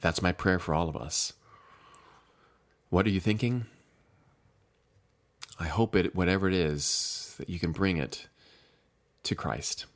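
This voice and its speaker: A man who is a pastor hosting a devotional podcast, speaking gently and reflectively with many pauses. His throat keeps catching, with small coughs here and there. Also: sits low. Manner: gentle, reflective, pausing often.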